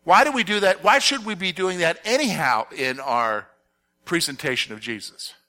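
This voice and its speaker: A man teaching a Bible passage as a pastor, animated and posing fill-in-the-blank questions to his listeners. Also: on the high side, moderate pace. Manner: animated, asks the audience to fill in words. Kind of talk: expository sermon with audience questions.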